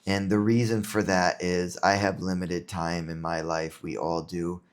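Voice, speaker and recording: A man's voice: low-pitched, little pitch movement, measured pace. A man from New York, an entrepreneur talking as a podcast guest in an earnest, reflective way, often repeating words as he thinks. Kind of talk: casual interview talk.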